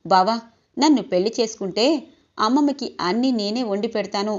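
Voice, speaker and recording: A woman's voice: mid-range voice, brisk, natural voice. A woman voicing a jealous, pushy young woman who scolds and sulks. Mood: indignant. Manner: bossy, sulking, scolding. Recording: dull lo-fi recording.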